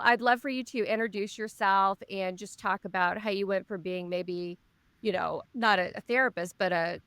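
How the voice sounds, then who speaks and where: A woman's voice: mid-range voice, fairly bright tone, clean tone, no room sound. A woman hosting a podcast, chatty and enthusiastic, asking long, rambling questions. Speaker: podcast host. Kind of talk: casual interview chat.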